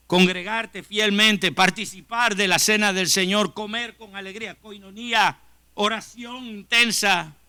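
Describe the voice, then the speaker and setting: Man, pastor, sermon, very sharp and forceful delivery, dry sound. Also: high voice, clear, resonant tone, no room sound. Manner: impassioned, emphatic preaching with direct questions to the congregation. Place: church.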